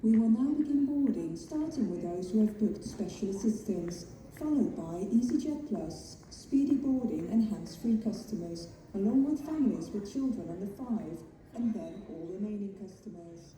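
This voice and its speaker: A woman's voice: medium pitch, animated, moderate pace, hardly any pauses, mellow. A woman gate agent giving a boarding announcement at an airport. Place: airport terminal, heard over loudspeakers. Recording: echoey airport PA from far off, faint noise.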